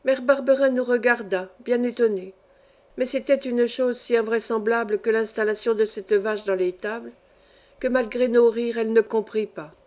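A woman narrates a classic novel aloud in measured, expressive storytelling. Her voice sits somewhat high for a woman. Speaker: audiobook reader.

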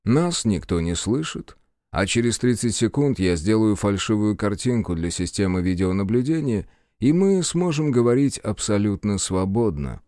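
A man voicing a calm, polite hacker. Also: lowish voice, normal speed, dry recording, studio quality. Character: secretive male hacker watching patients.

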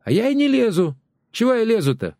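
A man voicing a brash village neighbor woman who shouts across a fence, loud and blunt, in a dry close recording. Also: very high-pitched, big pitch swings, fairly quick, no echo, voice pushed up, full character voice.

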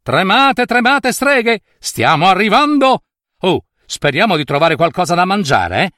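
A man's voice: a little high, sing-song, normal speed, a bit bright, dry recording, studio quality, pitched above the performer's own voice. Man doing a spirited young girl. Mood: rallying. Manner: spirited and rallying. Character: brave young girl, eager monster hunter.

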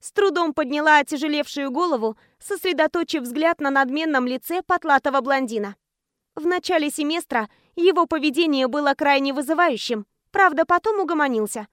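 A woman's voice: high-pitched, brisk, no room sound, clean studio sound. A woman narrating a romance novel in the first person, reading expressively. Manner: expressive reading, voicing each character. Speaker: audiobook narrator.

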